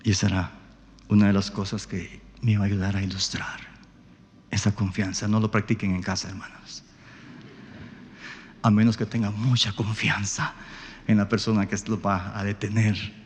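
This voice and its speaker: Pastor preaching in a reverberant church. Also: male voice, on the low side, little pitch movement, moderate pace, pauses often, slight background noise. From Guatemala. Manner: storytelling, swings from hushed to loud. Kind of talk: sermon.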